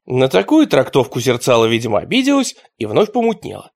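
A man narrates an audiobook with expressive, storytelling delivery. His voice is medium in pitch, fairly quick, and has some vocal fry.

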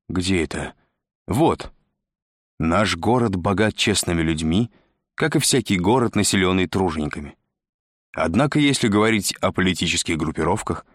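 A man's voice: sits low, dry recording, studio quality. A man reading an audiobook, voicing an agitated, sardonic man who hisses and splutters as he mocks and declaims. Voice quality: hissing, spluttering.

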